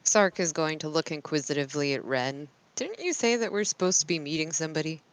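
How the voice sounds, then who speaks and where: A woman playing in a tabletop game, chatty and quick to laugh. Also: deep voice, expressive. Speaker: player. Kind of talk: casual tabletop play.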